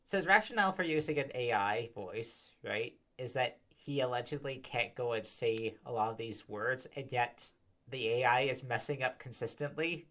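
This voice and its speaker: At a desk microphone, a commentary host talks casually in a medium-pitched, pushed and bright voice at a moderate pace. He sighs, rambles, leans heavily on fillers and throws in exasperated asides.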